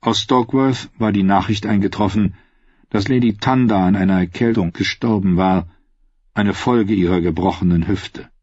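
A man narrating an audiobook in a measured, even storytelling manner. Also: fairly low pitch, husky, dry recording, lo-fi sound. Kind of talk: audiobook reading.

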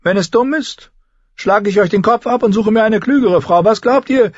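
A man's voice: sits high, moderate pace, dry recording, lo-fi sound, voice pushed up. A man voicing a cruel, petulant teenage boy king who bullies and commands. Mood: sneering, bullying. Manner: sneering, bullying, commanding.

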